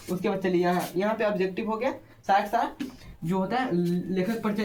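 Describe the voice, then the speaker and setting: A man's voice: sits high, a little hiss or hum. A man with a Bihari Hindi accent teaching an exam-prep lesson. He keeps asking short questions and repeating the answers for his students. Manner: repeats answers, quizzes listeners.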